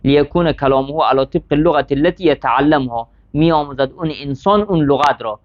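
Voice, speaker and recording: Guy teaching class, goes through text bit by bit asking students, slightly high voice, dull lo-fi recording. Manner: explains Arabic text line by line, asks students questions. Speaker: seminary teacher. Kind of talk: classroom lesson. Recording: dull lo-fi sound.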